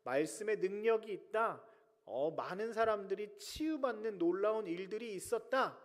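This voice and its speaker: A male pastor preaching a sermon, swinging between loud emphatic cries and hushed whispers. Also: sits high. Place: large church sanctuary. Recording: long reverb of a church hall.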